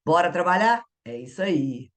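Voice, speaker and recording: A Brazilian woman teaching Portuguese grammar in an exam-prep lesson. She talks in a chatty way, asks the viewer questions and laughs at herself. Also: fairly low pitch. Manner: upbeat viewer prompts.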